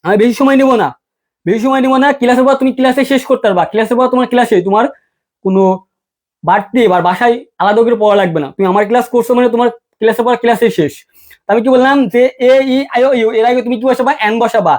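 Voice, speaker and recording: A young man's voice, sitting very high for a male speaker, running through an English grammar lesson at a brisk clip. He fires the same question again and again and answers it himself. He calls the student brother the whole way through. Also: darkish tone. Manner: addresses the viewer as brother. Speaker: English tutor. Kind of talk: online exam-prep lesson.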